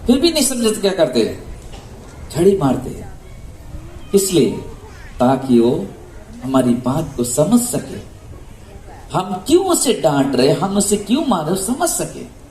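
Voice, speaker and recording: A male pastor delivers a sermon in a fairly high, lively voice that rises and falls widely. He keeps asking rhetorical questions and repeating key phrases for emphasis. The recording is echoey, with faint ambient noise. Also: a little slow, pauses often. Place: church hall.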